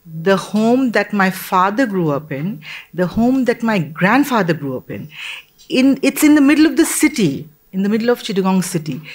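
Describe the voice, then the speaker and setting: A woman from Bangladesh with a voice on the high side speaks as a panelist in a discussion. She's earnest and measured, pausing and restarting as she goes.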